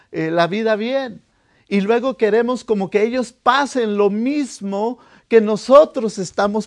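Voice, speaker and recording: A man preaching a sermon, telling a story dramatically and swinging from hushed lines to shouted ones. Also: sits high. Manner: dramatic, acting out the disciples' voices.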